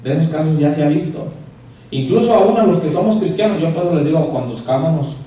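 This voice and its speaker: A high-pitched man preaching in a church, acting out voices as he tells a story. He sounds a little away from the mic, in a very echoey sanctuary with faint background hiss. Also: a little fast, recorded from a distance. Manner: lively storytelling, acting out dialogue. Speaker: pastor. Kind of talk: sermon.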